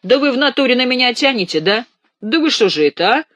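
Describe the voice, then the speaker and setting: A man reading an audiobook, voicing a blustering male hospital patient who is a former thief, with loud indignant outbursts. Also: fairly high pitch, moderate pace, husky, no room sound.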